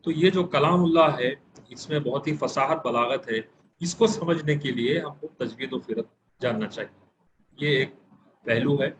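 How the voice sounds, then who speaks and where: A man from India teaching Quran recitation in a religious lecture. He says single letters slowly and carefully and pauses to think. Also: medium pitch, slight background noise, rough recording.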